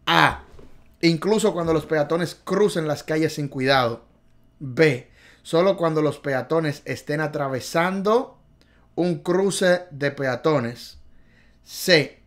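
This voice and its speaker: Exuberant man teaching driving theory. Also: on the high side. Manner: exuberant, playful, repetitive. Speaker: driving test tutor. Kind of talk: video lesson.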